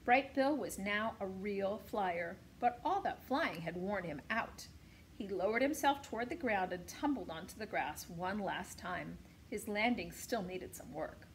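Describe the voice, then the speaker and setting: A woman teacher reading a children's novel aloud to her class, expressive, with small slips now and then. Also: mid-range voice, slight background noise. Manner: expressive read-aloud with occasional slips and throat clearing.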